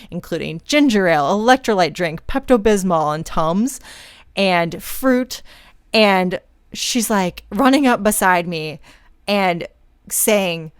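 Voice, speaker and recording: A young woman hosts a podcast, telling a personal story in a casual, chatty manner packed with "like"s. Her voice is fairly low and smooth, captured in clean studio sound with no echo.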